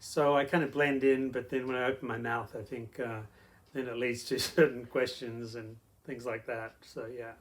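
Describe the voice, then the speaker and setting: A man's voice: medium pitch, flat delivery, moderate pace. A middle-aged man with an Australian accent, an interview guest telling his story in a rambling way with many fillers. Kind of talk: casual conversational storytelling.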